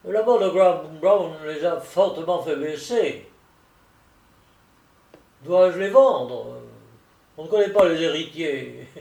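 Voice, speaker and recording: A man voicing a wealthy gentleman detective-burglar in a storybook reading, giving brisk, exclamatory commands. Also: a little high. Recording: roomy echo, distant mic.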